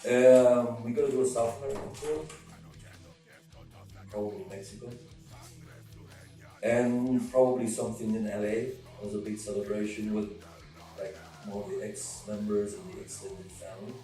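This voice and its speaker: A man from Chile talks as a guest in a casual interview. He is relaxed and thinks aloud, hedging as he goes. He is heard from a distance in a strongly echoing room, with a little music underneath. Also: lowish voice, moderate pace, pauses often. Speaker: band member guest. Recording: very echoey distant mic with faint music.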